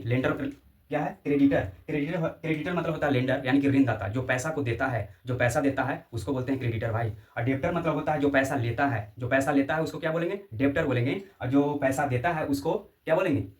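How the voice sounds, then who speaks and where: A man's voice: mid-range voice, reverberant, recorded from a distance. A man teaching exam vocabulary, repeating each word, spelling it out letter by letter and quizzing his listeners with questions. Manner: repetitive call-and-response drilling, spells words letter by letter.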